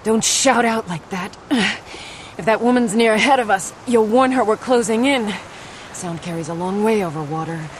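A woman's voice: medium pitch, moderate pace, a little hiss or hum, natural voice. A woman playing a watchful, bossy lookout with a cautious, plain-spoken manner in an adventure audio drama. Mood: stern, cautious.

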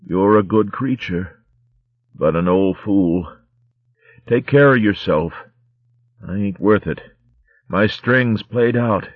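A man voicing a dying female corsair ferret who talks in rough sailor slang, faint and weak. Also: fairly low pitch, takes it slowly, pauses often, no room sound, narrow, tinny audio, pitched above the performer's own voice. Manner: coarse seafaring slang, weak and fading.

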